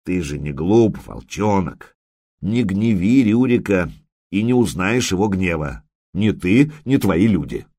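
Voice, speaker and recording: A man voicing a stern older warrior who lectures and warns in measured tones. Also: low voice, very animated, dark tone, heavily acted. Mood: stern warning. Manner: lecturing, warning.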